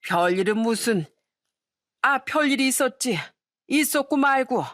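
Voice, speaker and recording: A woman's voice: high voice, lively intonation, measured pace, no room sound, clean studio sound, pitched above the performer's own voice. A woman voicing a drunk, blunt older father-in-law who rambles and scolds, in a storytelling radio style. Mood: tipsy grumbling.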